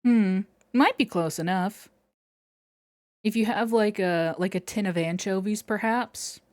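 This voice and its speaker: A woman's voice: mid-range voice, measured pace, dry recording, studio quality. A woman streaming a game live, chatting playfully and reading the dialogue aloud. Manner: animated, playful, laughs often. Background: game music.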